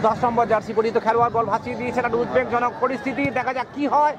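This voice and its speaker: Rapid Bengali male football commentator over loud crowd. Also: very high-pitched, steady tone. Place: outdoor football ground. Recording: very noisy outdoor ground, loud crowd.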